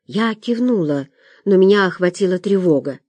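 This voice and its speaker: A woman reading a first-person novel aloud as an audiobook narrator, expressive and lively. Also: fairly low pitch, moderate pace, dry recording.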